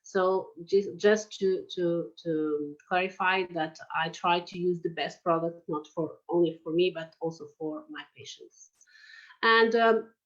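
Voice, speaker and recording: A Portuguese woman in her forties, speaking with a Portuguese accent, delivers an online lecture on oral surgery. Her voice is fairly low and her pace measured, though she hesitates and uses lots of fillers. The recording quality is lo-fi.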